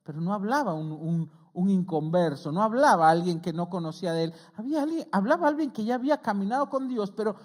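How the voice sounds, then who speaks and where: A middle-aged man, a pastor preaching a conversational sermon who often checks in with his listeners and rises in pitch and volume when he quotes scripture. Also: lively intonation, fast, few pauses. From Argentina. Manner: earnest, conversational preaching with frequent "¿sí?" check-ins.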